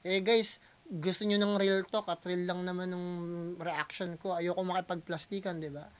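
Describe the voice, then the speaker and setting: A Filipino man hosting a reaction video, talking casually in mixed Tagalog and English, pausing often and calling out to his viewers. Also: high-pitched, flat delivery, fairly bright tone, clear, resonant tone. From Philippines. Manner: hesitant Taglish, keeps addressing viewers as guys.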